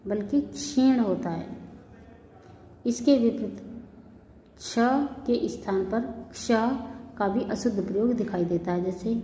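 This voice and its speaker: A woman teaching a spelling lesson, stating each word slowly and deliberately, wrong form first, then the right one. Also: fairly high pitch, dark tone, a little hiss or hum. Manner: slow, deliberate word-by-word contrasts. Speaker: Hindi teacher. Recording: echoey room with long reverb.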